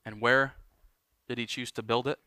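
A man preaching a sermon as pastor, emphatic and building, then dropping to quiet lines for weight. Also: medium pitch, flat delivery, moderate pace, dry recording, studio quality.

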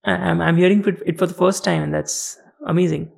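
A man with an Indian accent hosting a casual interview, creaky-voiced, talking in a hesitant, rambling way full of hedges. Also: on the high side, fairly even intonation, brisk, darkish tone. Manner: hesitant, rambling, hedging, with some Hindi mixed in. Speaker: podcast host.

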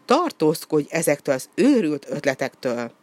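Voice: mid-range voice, big pitch swings, darkish tone, dry recording. Brief: reader doing a mild, well-behaved penguin in a storybook, plain and earnest. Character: sensible, gentle male penguin.

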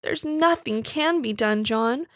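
A woman's voice: on the high side, slow, dry recording, clean studio sound. A woman voicing a tearful young working-class woman, pleading and emotional, in rustic dialect.

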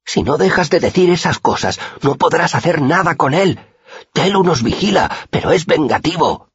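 A man's voice: sits high, lively intonation, moderate pace, a bit bright, breathy edge, no echo, dull audio, pitched above the performer's own voice, full character voice. A man voicing a pious, fearful street boy who gives reverent, solemn warnings.

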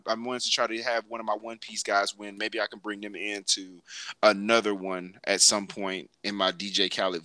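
A man hosting a laid-back show, talking in a slangy, rambling way and often restarting his sentences. His voice is very bright and sharp, and it is recorded close and dry. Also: lowish voice, smooth, no room sound. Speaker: podcast host. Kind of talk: casual chat.

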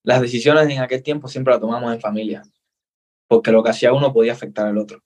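A young man with a Cuban Spanish accent tells his own story as a guest in a relaxed interview. His voice sits at an ordinary middle pitch, and he talks earnestly. He slips into the voices of the people in his story to act out their lines. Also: fast talker. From Cuba. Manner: earnest, animated storyteller, acts out dialogue.

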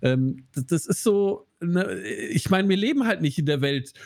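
A man's voice: high voice, animated, normal speed, a little mellow, no room sound. Man, podcast co-host, rambling casual film talk, many fillers, dry close sound.

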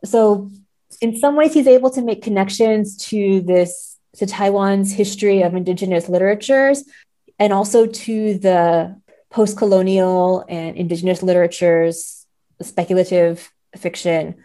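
A woman with a medium-pitched, warm voice speaks a little slowly with fairly even intonation. She's a guest on a podcast in a thoughtful literary discussion, careful and analytical, hedging and often checking in by asking "right?".

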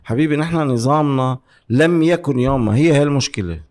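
Male, Lebanese Levantine accent, quick pace, medium pitch, heated political debate, argumentative, interrupting, emphatic repetition, rhetorical questions. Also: animated, darkish tone. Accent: Lebanese Arabic. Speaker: interview guest giving political commentary.

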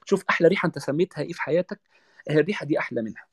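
A man's voice: on the high side, animated, rapid-fire, slightly rough, no room sound, studio quality. A man with an Egyptian Arabic accent giving a religious lecture, reciting scripture and then explaining it in casual everyday speech.

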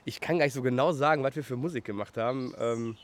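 A man's voice: mid-range voice, fast. A man, a guest telling long, rambling anecdotes in casual chat, full of fillers and tag questions. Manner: rambling storyteller with many fillers and "ne?". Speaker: guest, food truck and restaurant owner.

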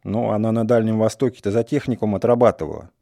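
A man's voice: fairly low pitch, quick pace, vocal fry, mellow, no room sound, clean studio sound. A man voicing a restless young village man who talks in heated, sardonic bursts. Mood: restless, bitter. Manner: heated, sardonic, rising outbursts.

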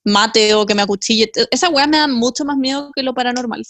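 A young woman with a Chilean accent talks quickly and laughs at her own fears. Her voice is high and close to the mic, with a dry sound. She chats casually with friends. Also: fairly bright tone, no echo. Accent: Chilean Spanish. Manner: fast-talking, self-mocking, nervous storyteller. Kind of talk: casual chat among friends.

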